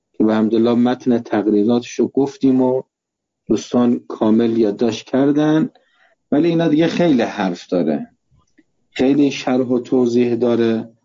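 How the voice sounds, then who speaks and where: A man with a very dark, husky voice teaches a seminary class on a dull, lo-fi recording. He dictates notes word by word in a slow, deliberate way and repeats key phrases. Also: medium pitch.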